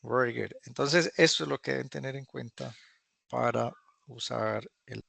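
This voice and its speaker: A man teaching English in an online class, patiently repeating phrases slowly for students to drill. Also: medium pitch, vocal fry, fairly bright tone, breathy edge, dry recording. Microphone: video call.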